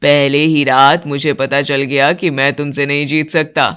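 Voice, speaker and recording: Dutiful young husband in a lowered voice, put on by a woman narrator. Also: little pitch movement, normal speed, a bit bright, clear, resonant tone. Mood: mild. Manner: lowered voice for a man.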